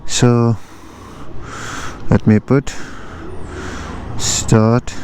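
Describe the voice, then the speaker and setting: A man's voice: medium pitch, little pitch movement, drawn-out words. A man with a North Indian accent chatting casually and easily to his vlog audience, often repeating words and short phrases. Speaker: motorcycle vlogger. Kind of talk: casual vlog chat to camera. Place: outdoors on the road, motorbike ride. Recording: clear traffic and vehicle noise outdoors. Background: traffic and vehicle noise.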